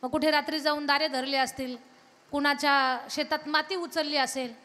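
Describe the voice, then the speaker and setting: Tell the devotional story in a high, bright voice, hammering each phrase rhythmically as a woman preaching a kirtan, with the sound carrying long reverb through the hall. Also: fairly even intonation, normal speed. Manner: emphatic, rhythmic listing of phrases. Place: large temple hall, live event.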